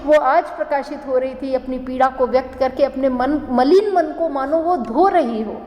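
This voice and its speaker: A woman's voice: high-pitched, moderate pace, warm tone, echoey room, long reverb tail, low-quality recording. A woman teaching classical poetry, reading verses aloud and explaining them line by line with feeling. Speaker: Hindi literature teacher.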